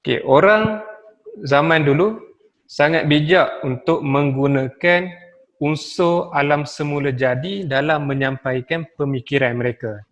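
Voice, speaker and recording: A man with a Malaysian Malay accent teaching a lesson on poetry, spelling out rhymes slowly and reciting verses. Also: fairly high pitch, long reverb tail, lo-fi sound. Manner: slow, spells out letters and rhymes, recites verse with rising and falling intonation. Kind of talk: recorded classroom lesson on poetry.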